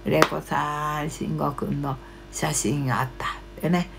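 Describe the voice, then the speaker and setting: A woman in her seventies chatting casually as a live streamer, reading out viewer comments haltingly with short murmured acknowledgements. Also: little pitch movement, gravelly. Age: 70s. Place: small cluttered room at home, indoors. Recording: low electrical mains hum.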